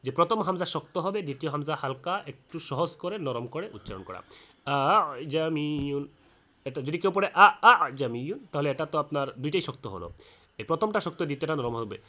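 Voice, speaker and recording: A man teaching Quran recitation rules in a spoken lesson. He explains slowly, with frequent hesitant fillers, and chants the example words aloud. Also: on the high side, animated, pushed and bright.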